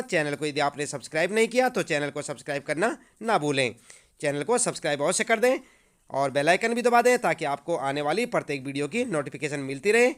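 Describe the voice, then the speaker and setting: A man's voice: on the high side, a bit bright. A man teaching, walking schoolchildren through homework answers and dictating them for copying, with frequent check-ins like 'okay'. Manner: addresses pupils as children, repeats 'ठीक है'.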